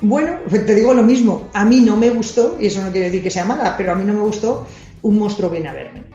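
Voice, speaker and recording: With faint music in the background, a Madrid-born woman who works as a doctor and science communicator takes on quiz questions. She talks briskly in a dark, mid-range voice, chatty and frank and ready to poke fun at herself. The sound is lo-fi, roomy and dull.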